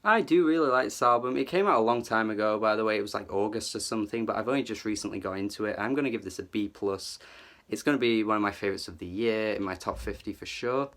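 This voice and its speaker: Man, lowish voice, easygoing album-review chatter with lots of fillers. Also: fast talker, fairly bright tone. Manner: chatty, filler-heavy, hedging with "like" and "kind of"; enthusiastic. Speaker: music reviewer.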